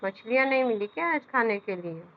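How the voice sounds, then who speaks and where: A woman's voice: on the high side, expressive, a little fast, close to an everyday voice. A woman reading aloud the lines of a clever male turtle who is a caring friend in a children's story. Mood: friendly. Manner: reads in a plain, explanatory voice. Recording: dull lo-fi sound.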